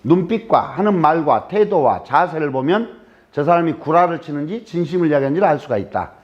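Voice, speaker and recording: A man with a Jeolla Korean accent giving a humorous lecture in a lecture room, teasing the audience and throwing rhetorical questions at them. His voice sits high and swings up and down in animated waves. The recording sounds dull and lo-fi. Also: fairly quick. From Jeolla, South Korea. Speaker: guest lecturer.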